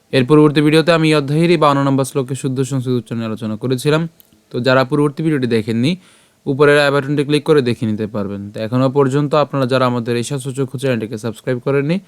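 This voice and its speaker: Guy teaching how to pronounce verses, slow and patient, breaks words apart, dry sound no room echo. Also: medium pitch, clean tone. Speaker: scripture pronunciation teacher. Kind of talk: step-by-step recitation lesson.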